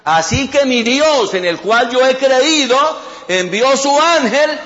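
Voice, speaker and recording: A man preacher voicing the prophet Daniel as a calm, faithful man who speaks earnestly. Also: very high voice, slow pace, highs cut off, pitched above the performer's own voice, full character voice.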